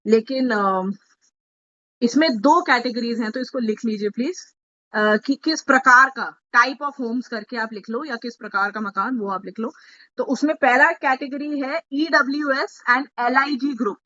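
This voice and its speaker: A fairly high, bright and forceful woman's voice explains things patiently to a group over an online call, often telling listeners to write points down. The audio is dull and lo-fi, the way a video call sounds. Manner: explanatory, asks listeners to take notes, mixes English terms. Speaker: party speaker addressing women members. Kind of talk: online meeting talk explaining a housing scheme.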